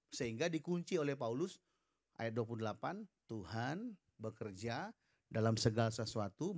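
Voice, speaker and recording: A middle-aged male pastor preaching a sermon, leading the congregation in response and telling humorous stories. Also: a little high. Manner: lively storytelling with humorous asides to the congregation; leads the congregation in call-and-response.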